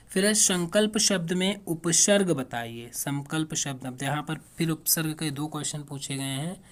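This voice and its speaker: Tutor going thru old exam paper, mid pitch, asks then answers himself, lots of fillers. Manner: explains step by step, asks questions then answers them; fillers and self-corrections. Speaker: teacher. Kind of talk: exam-prep lecture.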